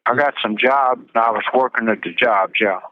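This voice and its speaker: A man's voice: medium pitch, dry recording. A terse man on a tinny prison phone. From Missouri. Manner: terse, halting short answers. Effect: prison phone line. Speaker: prison inmate interviewee. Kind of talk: phone interview.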